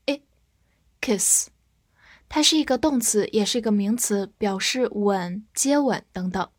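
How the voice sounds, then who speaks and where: A woman teaching English vocabulary, spelling words out letter by letter and repeating them slowly. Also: on the high side, no echo, studio quality. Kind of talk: scripted vocabulary lesson.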